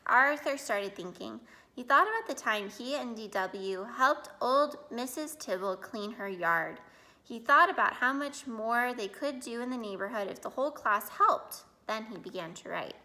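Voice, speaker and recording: Bright-voiced woman reading a storybook. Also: fairly high pitch, normal speed. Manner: expressive, with asides to listeners. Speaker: teacher. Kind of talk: reading a picture book aloud to children.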